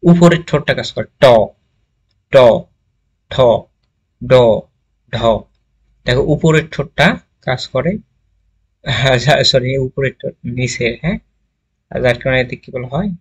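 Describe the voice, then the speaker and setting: A man's voice: mid-range voice, brisk, long pauses, breathy edge. A man teaching a grammar lesson, asking the class questions, answering them himself and sounding out letters one at a time. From Bangladesh.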